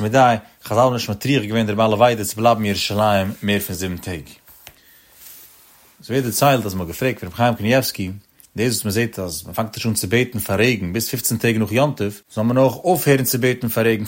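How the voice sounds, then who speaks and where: Man giving a chanting Talmud lecture. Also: medium pitch. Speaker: Talmud teacher.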